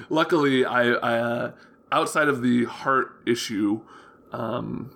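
Young dude, really creaky vocal fry endings, earnest rambly interview chat, keeps correcting himself. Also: male voice, mid-range voice, slow pace, a bit bright, slight background noise. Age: young adult. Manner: hesitant, rambling, self-correcting storytelling; open, earnest. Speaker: interview guest. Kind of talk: casual interview conversation.

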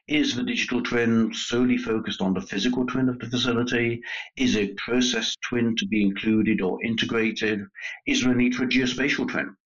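A man with a fairly low voice explains things in a measured, steady way on a business podcast. The sound is a little dull. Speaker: industry executive guest. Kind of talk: podcast discussion.

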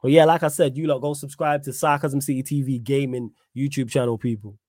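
A man's voice: medium pitch, steady tone, a little fast, a little mellow, no room sound, studio quality. A man with a London roadman accent hosting a livestream, chatting casually in slang. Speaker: livestream host.

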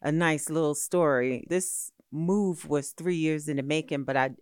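Brief: middle-aged woman guest, animated storyteller, low smooth resonant voice, dry close sound. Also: unhurried, no room sound. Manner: lively, expressive storyteller with laughter. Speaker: magazine founder and editor being interviewed. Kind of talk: animated storytelling in a conversational interview.

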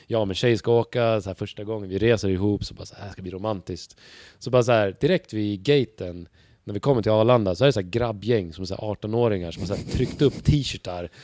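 A man's voice: lowish voice, few pauses, no room sound, studio quality. A man who is a stand-up comedian, chatting casually as a podcast guest and telling stories animatedly, with plenty of swearing and filler words. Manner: animated storyteller, acts out other people's lines.

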